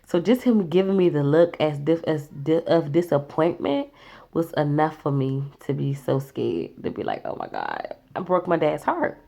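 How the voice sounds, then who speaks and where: A woman's voice: sits low, lively intonation, normal speed, vocal fry, warm tone. A woman in her twenties telling a personal story in a casual, chatty way, acting out what others said. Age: 20s. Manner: chatty, acts out quoted voices. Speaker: vlogger.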